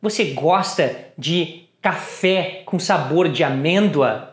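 Slow, lively-voiced woman teaching pronunciation. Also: low-pitched, reverberant. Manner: slow, deliberate model sentences repeated twice. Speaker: English teacher. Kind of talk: pronunciation lesson.

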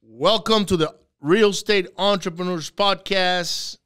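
A Venezuelan man hosts a podcast interview in a high, slightly bright, smooth voice, speaking a little slowly. The casual chat is full of jokes and frequent restarts.

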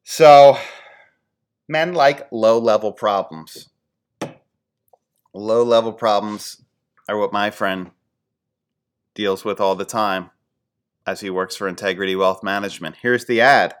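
A man in his forties from the Philadelphia area, hosting a podcast and telling casual, rambling, self-deprecating stories, getting animated when he quotes his friends. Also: lowish voice, takes it slowly, long pauses, clean tone. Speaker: podcast host. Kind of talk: casual storytelling monologue.

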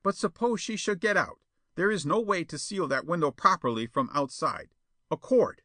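A man voices a crafty storybook villain who accuses others in a sly, needling, insistent, scheming way. He pitches his mid-range voice above his natural one, with a sing-song, bright, forceful delivery at a moderate pace on a dry, studio-quality recording.

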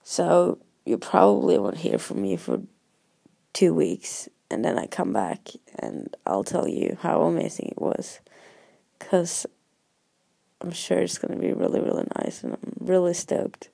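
Gravelly, hoarse woman vlogger, non-native English. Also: on the low side, wildly swooping pitch, unhurried, warm tone, no echo. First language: not English. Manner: informal, rambling, hesitant. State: hoarse voice from a cold. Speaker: travel vlogger. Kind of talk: casual talk to followers.

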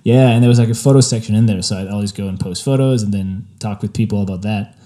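Brief: laid-back photographer guest, young man with a French accent, low mellow voice. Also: quick pace. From Spain. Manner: relaxed, laid-back and reflective, with frequent fillers. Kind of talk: casual interview.

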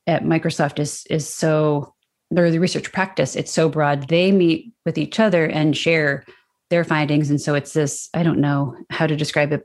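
A woman with a low voice talks through her work as a podcast guest. She sounds upbeat and enthusiastic, and she rambles a little with frequent restarts. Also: darkish tone. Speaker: content strategy guest. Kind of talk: conversational interview answers.

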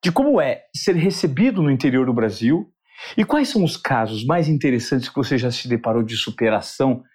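Man, Brazilian accent, interview host, animated, very expressive pitch, emphatic. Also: a little fast, slightly rough. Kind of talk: talk show interview with a sponsor read.

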